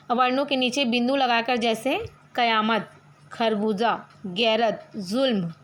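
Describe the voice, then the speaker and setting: A woman teacher with a fairly high voice talks through a grammar lesson for her students online. She explains things step by step and asks questions that she then answers herself. When she comes to the letters, she sounds them out slowly, one at a time.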